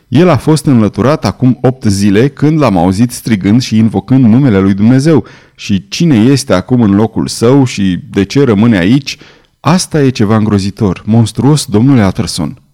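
A man's voice: fairly low pitch, dark tone, natural voice. A man voicing a frightened, loyal male butler who talks in an urgent, pleading way in an audiobook. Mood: agitated.

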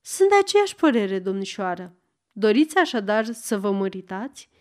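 A woman's voice: mid-range voice, very animated, natural voice. A woman reading as a formal, scheming notary. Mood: polite, probing. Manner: formal, polite questioning. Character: curious, scheming male notary, middle-aged.

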